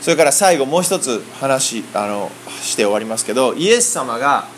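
A man interpreting a sermon in lively, colloquial speech and acting out the quoted voices. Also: medium pitch, normal speed, slight background noise. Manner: animated, acts out quoted voices. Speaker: interpreter for a preacher.

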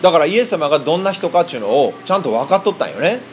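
A man interprets a sermon at a quick clip, his voice sitting a little high for a man. He talks in an animated, colloquial way and puts on a voice for each quote. A faint hum of ambience sits behind him. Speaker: interpreter for a preacher.

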